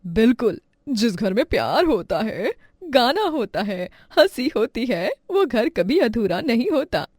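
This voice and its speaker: A gentle, cheerful old grandmother, as a woman voices her for a cartoon. She talks slowly and affectionately, with a slightly raised pitch. The sound is dry and close. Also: big pitch swings, dry recording. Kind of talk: cartoon voice acting.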